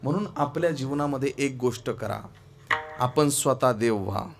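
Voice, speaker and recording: A man preaching a devotional kirtan sermon from a festival stage into a microphone, moving between quiet asides and loud, fervent exclamations. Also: medium pitch, normal speed, creaky, loud music behind the voice. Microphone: stage microphone through a sound system.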